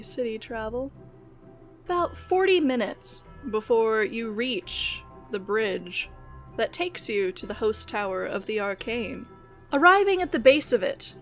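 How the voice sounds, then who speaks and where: A woman's voice: a little high, fairly bright tone. Brief: a woman running a tabletop game, vivid narration, light and playful. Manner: descriptive and playful, laughs often. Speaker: game master.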